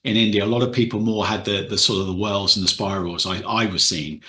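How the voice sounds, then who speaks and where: A man's voice: fairly low pitch, steady tone, fast, bright, forceful tone. Hesitant male host in a roomy space. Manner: hesitant, rambling, many restarts. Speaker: podcast host. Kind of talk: casual interview questions.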